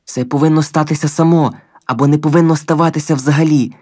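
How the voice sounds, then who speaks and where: A man voicing a stern, ghostly male guide with a dry, rough voice who talks calmly and insistently, in an audiobook reading. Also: on the high side, quick pace, no echo, pitched above the performer's own voice, natural voice. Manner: calm, insistent, repeats himself.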